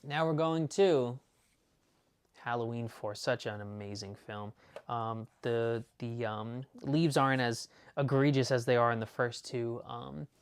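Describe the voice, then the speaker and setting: A man's voice: medium pitch, flat delivery, smooth. Male collector host, casual unboxing chat, rambling and enthusiastic, heavy on fillers. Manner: talks fast at times. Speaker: movie collector showing his discs.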